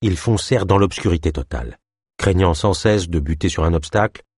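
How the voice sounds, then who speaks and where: A man narrating a novel as an audiobook in a measured, expressive manner. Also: low-pitched, breathy edge, no room sound, clean studio sound. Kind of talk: audiobook reading.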